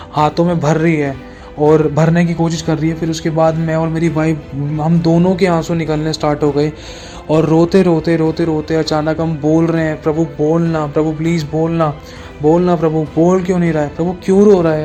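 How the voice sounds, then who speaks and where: A man's voice: fairly high pitch, darkish tone. A male pastor giving an emotional testimony sermon, repeating pleading phrases.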